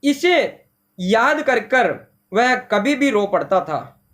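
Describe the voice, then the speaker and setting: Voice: mid-range voice, very animated, drawn-out words, fairly bright tone. A patient teacher walks students through a story line by line. The teacher rephrases hard words and repeats key points. Rhetorical questions keep the explanation moving. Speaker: Hindi teacher. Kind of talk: explaining a textbook story to a class.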